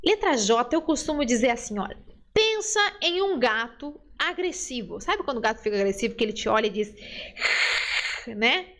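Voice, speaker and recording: High-voiced lively Brazilian woman teacher. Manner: lively, chatty, slows down to model words. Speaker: Spanish teacher. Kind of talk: online language lesson.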